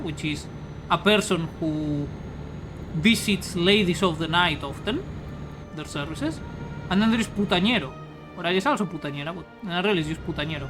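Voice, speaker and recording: On a rough recording, a woman from Spain with a low-leaning voice and a Spanish accent chats casually while streaming a game. She rambles and jokes crudely into a studio mic with a pop filter.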